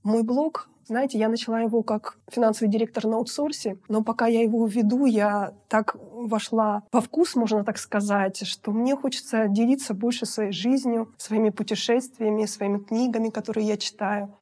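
Woman in her 50s, guest on a talk show, chatty and upbeat, husky warm voice. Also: a little high, moderate pace, hardly any pauses. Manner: lively, chatty storyteller who laughs easily. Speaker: guest, outsourced finance director. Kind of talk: casual interview talk.

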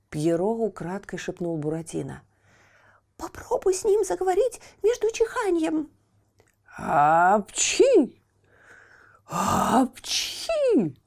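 A woman reading a fairy tale aloud as the storyteller in slow, expressive narration. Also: on the low side.

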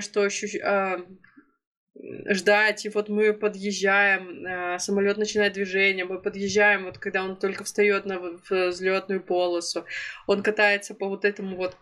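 She's a young woman from Russia, in her twenties, narrating a personal travel experience for a casual vlog at a moderate pace. Her medium-pitched voice stays level and fairly bright, while her chatty delivery features many fillers, self-corrections and the odd laugh.

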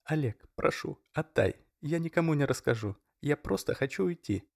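A male reader voicing a frightened young woman who pleads in a high, strained voice. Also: sing-song, moderate pace, no room sound, studio quality. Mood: pleading.

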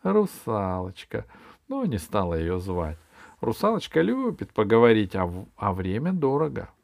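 A man narrating a children's storybook in a lively way. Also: fairly low pitch, moderate pace, creaky, no echo, studio quality. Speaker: audiobook narrator.

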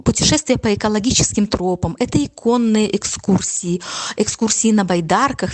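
A woman working as a tourism manager, explaining things informally as an interviewee. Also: mid-range voice. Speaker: tourism manager at a nature reserve.

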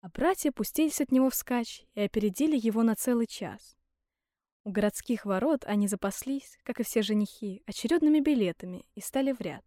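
Woman reading a fairy tale, bright high voice, dry close studio sound. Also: fairly quick, no echo. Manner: lively, theatrical storytelling. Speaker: storybook reader.

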